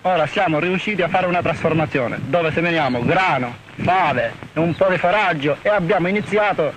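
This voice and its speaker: A man's voice: fairly high pitch, fairly quick. A man with a Sicilian accent, a farmer giving a prepared interview answer outdoors. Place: outdoors in a rural village. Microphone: handheld interview microphone. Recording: noisy outdoor 1950s film recording.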